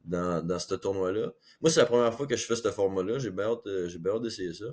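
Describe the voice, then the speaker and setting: A man's voice: low-pitched, brisk, darkish tone. A man with a Québécois accent, a team captain eagerly explaining things in a casual interview, with many repeated fillers.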